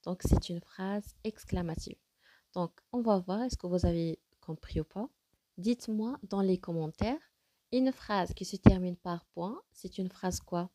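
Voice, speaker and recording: Mellow woman teaching children. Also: on the low side, no room sound. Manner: repeats examples slowly, asks questions and answers them herself. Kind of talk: grammar lesson for young children.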